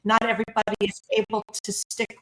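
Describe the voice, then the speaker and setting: A woman hosts an interview podcast and offers supportive, affirming remarks to her guest. She speaks at an ordinary middle pitch in a conversational way. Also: little pitch movement, brisk, pushed and bright. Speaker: podcast host and intimacy coach.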